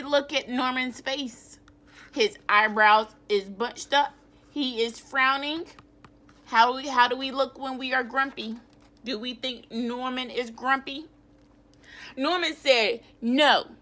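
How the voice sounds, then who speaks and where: Woman teacher, storybook read-aloud, slightly high, bright voice, unhurried. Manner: reads slowly, stops to quiz children. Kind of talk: read-aloud lesson for children. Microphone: phone camera.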